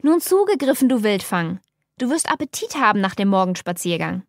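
A woman's voice: mid-range voice, sing-song, brisk, no room sound, clean studio sound. A woman voicing an older countess who gushes breathlessly in a storybook reading. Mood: fond. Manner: gushing, breathless.

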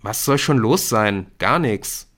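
A man's voice: on the low side, animated, takes it slowly, fairly bright tone, heavily acted. Man doing a tired, curt teenage schoolboy. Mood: flustered. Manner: curt, flustered.

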